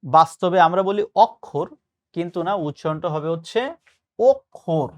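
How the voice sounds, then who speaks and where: A man's voice: a little high, fairly even intonation, quick pace. A male tutor giving a patient spoken lesson, explaining and mixing in English words. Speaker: admission test tutor.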